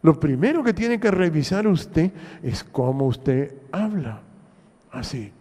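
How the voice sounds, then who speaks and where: Slow-preaching Honduran pastor, man, lively pitch. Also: in a large hall. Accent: Honduran Spanish. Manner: preaching, addresses the congregation with repeated rhetorical questions. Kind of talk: sermon. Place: church hall.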